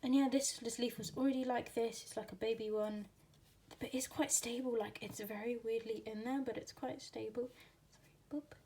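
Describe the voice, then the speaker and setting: A woman's voice: on the high side, fairly even intonation, normal speed, mellow, a little hiss or hum. A young woman chatting casually in a home plant vlog, rambling with lots of fillers and slipping into whispers. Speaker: plant vlogger. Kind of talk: casual chat. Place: home, indoors.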